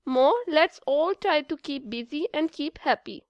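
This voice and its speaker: A woman voicing a calm, kind hotel manager in a storybook, reassuring as she speaks. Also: high voice, unhurried, no echo, highs cut off.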